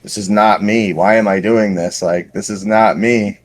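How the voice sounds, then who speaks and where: A man's voice: lowish voice, steady tone, normal speed, a little hiss or hum. A man on a podcast casually telling a long paintball story, rambling and self-deprecating with lots of fillers. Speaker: podcast co-host.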